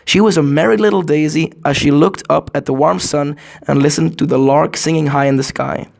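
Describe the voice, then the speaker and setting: A man reading a fairy tale aloud in an expressive storybook-opening manner, speaking straight to the listener and now and then stumbling over a word. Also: a little high, a little fast, creaky. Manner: storybook-opening delivery, addressing the listener directly.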